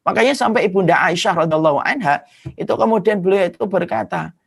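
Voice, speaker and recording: A man's voice: quick pace, gravelly, slightly rough. A man preaching an Islamic sermon, vivid and dramatic, punctuating points with sound words. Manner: animated, swooping pitch with dramatic sound words.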